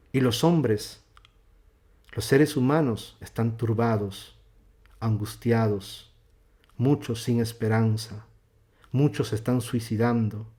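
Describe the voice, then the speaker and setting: Fervent male pastor preaching. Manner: fervent preaching, swinging from loud emphatic reading to hushed low endings. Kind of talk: sermon. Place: church.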